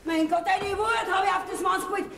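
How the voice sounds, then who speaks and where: A scolding, indignant Bavarian farm wife and mother, her voice very high. It is a folk stage comedy heard from far off in a hall, with a long echo trailing her words. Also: steady tone, normal speed, over a noisy crowd, very noisy. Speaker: stage actor. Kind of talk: folk theater comedy acting.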